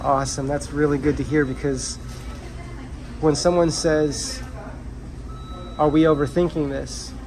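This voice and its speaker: A man's voice: a little high, flat delivery, a little slow, pauses often, a little mellow, a little hiss or hum, low-quality recording. A man interviewing a young artist, encouraging him and asking follow-up questions. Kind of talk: casual interview.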